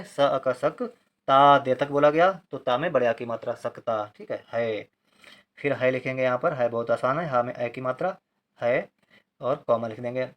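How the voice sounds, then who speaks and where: A man teaching a handwriting lesson step by step, sounding each syllable out slowly and patiently and often asking why before he answers. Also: mid-range voice, a bit bright. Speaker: Hindi writing teacher.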